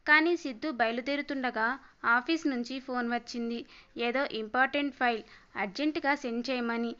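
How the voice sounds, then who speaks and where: A woman reads a scripted story aloud in a steady, expressive way. Her voice sits high and sounds smooth and clean, though the recording itself is a little dull and lo-fi. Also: moderate pace. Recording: slightly dull lo-fi audio.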